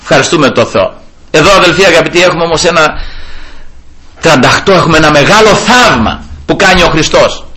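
A male preacher delivers a storytelling sermon, often turning to address his brothers and praising God. His voice sits a little high and sounds bright and forceful. The pitch swings up and down with animated energy.

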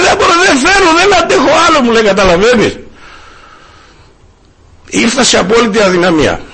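A man's voice: high voice, sharp tone. A middle-aged man from Greece preaching a sermon, building emphasis and telling a personal story with quoted phone dialogue. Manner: preaching with rising emphasis, tells stories quoting a phone call.

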